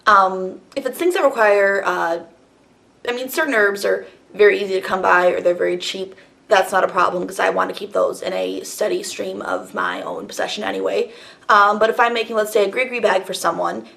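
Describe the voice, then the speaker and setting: Woman, out of breath, gravelly fry, frank rambling vlog monologue. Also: medium pitch, a bit bright. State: out of breath after a workout. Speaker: host.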